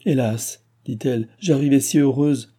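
A man voicing an anxious, quick-tempered old countess in an audiobook reading, with a plaintive, exclamatory delivery. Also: medium pitch, steady tone, warm tone, slightly rough, voice pushed up, lightly acted.

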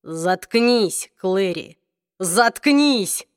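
A woman voicing a brooding young man, speaking low, slow and clipped in an audiobook reading. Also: lively intonation, dry recording, studio quality, close to an everyday voice. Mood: cold.

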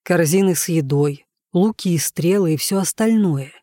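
A man reading an audiobook voices a patient old household robot, calm and measured. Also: a little high, no echo, clean studio sound, lightly acted.

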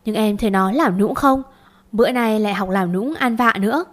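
A woman's voice: medium pitch, normal speed, close to an everyday voice. A woman voicing an irritated young father in an audio story, with curt, scolding delivery. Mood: annoyed.

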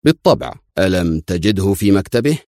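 A man voicing a brash one-eyed defense minister who talks loudly and dismissively. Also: low voice, big pitch swings, brisk, no echo, clean studio sound. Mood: incredulous. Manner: loud, incredulous, dismissive.

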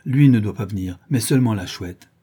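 A man voicing a rough, loyal Parisian ex-brawler who rambles in street slang. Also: fairly low pitch, brisk, warm tone. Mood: confiding.

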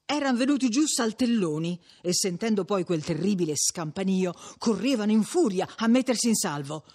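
A woman narrating a classic novel in a measured, expressive storytelling voice. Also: mid-range voice. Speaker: audiobook narrator.

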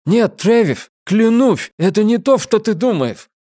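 A man's voice: medium pitch, normal speed, warm tone, dry recording, studio quality, lightly acted. A man voicing a timid giant in an audiobook, with slurred, mangled speech. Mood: pleading. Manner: slurred, mangled words, pleading.

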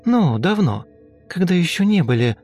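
A man voicing a sulky, rude young woman who talks in a snappish, slangy way and turns shrill when upset. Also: big pitch swings, moderate pace, a little mellow, faint music behind.

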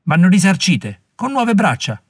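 A man's voice: sits high, very animated, unhurried, husky, no room sound, pitched above the performer's own voice, heavily acted. A man reading an audiobook voices a fierce young Mohawk woman who scolds warriors scornfully and commandingly. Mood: fierce scorn.

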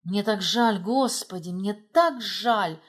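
A woman's voice: medium pitch, slow pace. Woman doing an upset, apologetic girlfriend. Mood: distressed. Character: female friend, anxious, sympathetic.

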